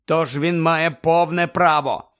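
A man's voice: fairly high pitch, steady tone, slow, a bit bright, smooth, pitched above the performer's own voice. A man voicing an impatient grown man who answers coldly and with restraint. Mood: tense. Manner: cold, clipped, restrained.

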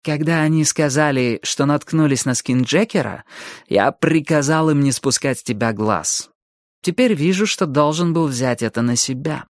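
A man's voice: mid-range voice, smooth, no echo, clean studio sound, natural voice. A man doing a polite young man with a Russian accent. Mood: apologetic. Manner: slow, polite, measured.

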